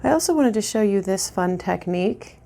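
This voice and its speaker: Creaky-voiced woman teaching a lash tutorial. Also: medium pitch, fairly quick. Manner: chatty, relaxed, many ums and restarts. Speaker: lash artist instructor. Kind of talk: casual tutorial demonstration.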